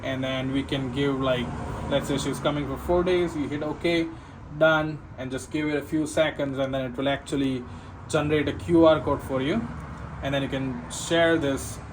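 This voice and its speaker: This installer, speaking in a medium pitch with fairly even intonation at a moderate pace, gives a casual, unscripted demo of a security system. He explains each step and regularly checks in with the listener, often ending with "right?". Ambient noise is clearly present behind him.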